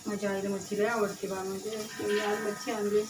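A woman's voice: medium pitch, flat delivery, fairly quick, distant mic, music in the background. A woman chatting casually to viewers and her pet bird while she cooks dinner at home. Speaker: home cooking vlogger. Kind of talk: casual kitchen vlog chat. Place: home kitchen. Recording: echoey kitchen from off-mic. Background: clatter of pots and dishes.

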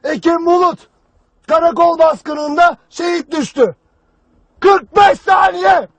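A harsh army commander barks at his recruits in a strained, very high voice. He is stern and unforgiving, berating them from a war film drama. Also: lively intonation, normal speed, dry recording. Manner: barking, harsh, shouts accusations at recruits.

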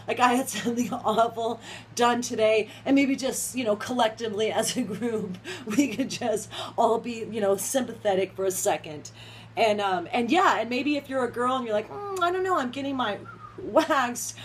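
A woman's voice: a little high, a little hiss or hum. A young adult woman in a rambling, casual vlog rant, laughing often as she talks. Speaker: vlogger.

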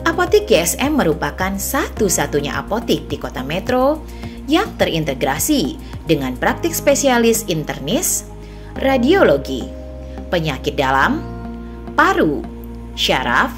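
A woman reading a scripted news voice-over as the reporter. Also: mid-range voice. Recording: voice-over over background music.

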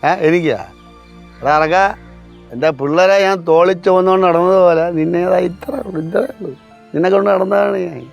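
A gravelly drunk doting father. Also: sits high, fairly quick, highs cut off. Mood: indignant. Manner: slurred, pleading, repeats endearments. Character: drunk doting older father, sentimental and stubborn. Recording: TV sitcom with music underneath.

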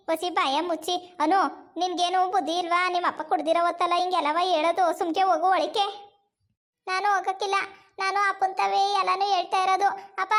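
Very high-voiced woman in village skit. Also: fairly bright tone. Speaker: village daughter and mother in a comedy skit.

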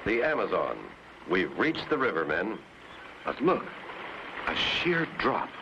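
A brave, calm adventure hero, firm and commanding, with a voice that rises and falls a lot. It is an old cartoon track, dull and lo-fi. Clear noise runs behind him. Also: male voice, fairly low pitch, takes it slowly. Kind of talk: 1950s cartoon voice acting. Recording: dull lo-fi soundtrack with loud noise.

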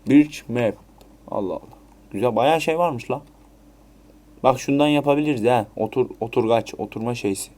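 A man's voice: medium pitch, normal speed, mellow. Chatty man muttering through a game. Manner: chatty, swears, mutters and repeats item names. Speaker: Minecraft let's play creator. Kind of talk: casual gameplay commentary.

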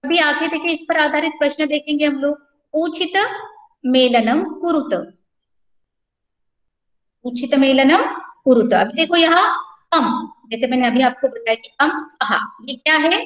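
A woman teacher with a Marathi-influenced Hindi accent leads a recorded online class in a high, clear voice. She talks slowly and patiently, posing questions to the pupils and answering them herself. The room has a noticeable echo on the laptop mic. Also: a bit bright. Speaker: school teacher. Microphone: laptop or headset mic on a recorded video call.

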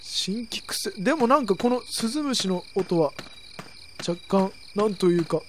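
A young woman streamer chatting excitedly through a horror game, with sudden shrieks. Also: medium pitch, normal speed, slight background noise. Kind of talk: let's play commentary.

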